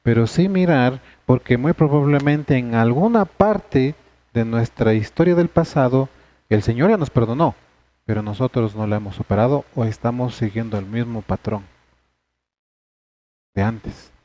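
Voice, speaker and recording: A man's voice: mid-range voice, normal speed, mellow, muffled recording. A man leading a church men's study session, talking earnestly and conversationally to the group.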